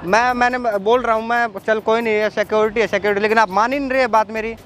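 A man's voice: high voice, fairly even intonation, fast, a crowd in the background. A man playing a prank on a stranger, scolding and ordering her around in a bossy way, recorded outdoors in a park. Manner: bossy, scolding, talks over others. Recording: outdoor traffic noise.

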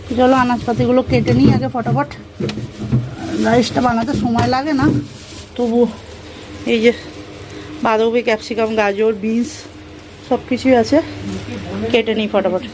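A woman's voice: a little high, steady tone, moderate pace, pauses often. A woman chatting casually through a home vlog, talking through her chores and cooking as she goes. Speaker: vlogger. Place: home kitchen. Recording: noisy room with frying sounds.

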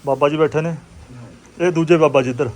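A man's voice: a little high, fairly even intonation, a little fast, darkish tone. A man with a Punjabi accent giving casual, hearty vlog commentary and bantering with his companions. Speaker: vlogger hosting. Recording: chatter of a group behind.

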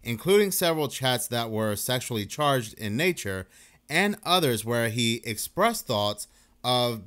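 A man's voice: mid-range voice, a bit bright. A man doing casual YouTube commentary and reading news articles aloud, talking loosely with fillers like "basically". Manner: conversational, uses fillers like basically.

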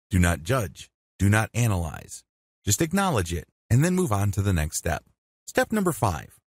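A man narrates a guided meditation lesson from a script in a deliberate, measured way. His voice is on the low side and husky, with lively swings in intonation. The sound is very dry. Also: no echo. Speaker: meditation instructor.

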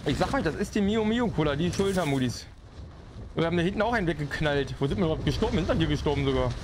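A young man livestreaming a shooter game, talking in slang, greeting viewers and getting excited at the action. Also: fairly high pitch, very fast. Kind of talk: live gameplay commentary. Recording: game sounds and noise behind. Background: game sound effects, vehicle noise.

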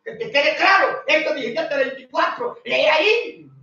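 Shouting Honduran preacher on echoey radio. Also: male voice, extremely high pitch, animated, measured pace. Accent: Honduran Spanish. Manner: shouting, scolding, mocking. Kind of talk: fiery radio sermon with caller greetings. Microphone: radio studio microphone. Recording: echoey lo-fi radio broadcast from far off.

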